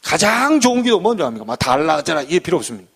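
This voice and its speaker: Animated Korean pastor preaching. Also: male voice, on the high side, rapid-fire, breathy edge. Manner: lively, conversational preaching, acting out little scenes. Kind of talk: sermon. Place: church.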